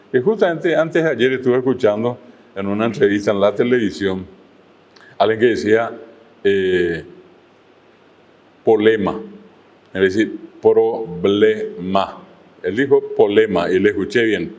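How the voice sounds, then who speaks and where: A man giving an online language lecture, slowing down to spell out syllables as he explains. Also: mid-range voice, a little mellow. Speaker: language teacher.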